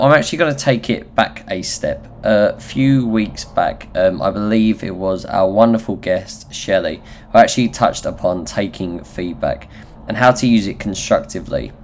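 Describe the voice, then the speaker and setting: Low-pitched nasal Essex man. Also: slight background noise. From Essex, England. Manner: candid, self-deprecating, sweary. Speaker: podcast host. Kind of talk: solo motivational podcast talk, informal.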